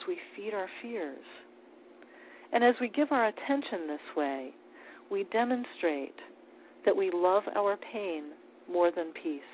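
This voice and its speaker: A woman giving a calm, measured spiritual talk on prayer, with small restarts as she speaks. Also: mid-range voice. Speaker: spiritual teacher. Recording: tinny phone-like line with faint hiss.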